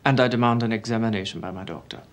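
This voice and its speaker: A man's voice: on the low side, very fast, slight background noise, lightly acted. An actor playing a defiant, battered male political prisoner who answers in short, curt bursts. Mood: defiant anger.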